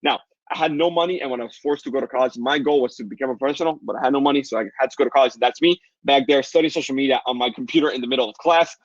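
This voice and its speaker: A young native Spanish speaker from the Dominican Republic, with a Dominican accent and a medium-pitched voice, races through a live webinar as an online marketing coach. His pitch is pushy, hyped and full of fillers, and the recording is dry and dull with a lo-fi quality and no room sound.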